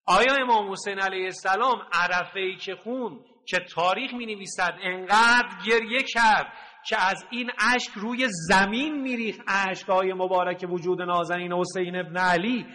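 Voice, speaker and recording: A man giving a sermon who moves between loud, emphatic peaks and low, hushed storytelling, and draws out the verses he quotes slowly. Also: fairly even intonation. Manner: slows and stretches quoted verses. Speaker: preacher. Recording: long hall reverb.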